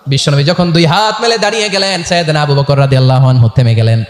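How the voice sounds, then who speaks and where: A man preaching a storytelling sermon to a large gathering, animated and asking the crowd questions. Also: on the high side, quick pace. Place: large public gathering over loudspeakers. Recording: echoey hall, long reverb.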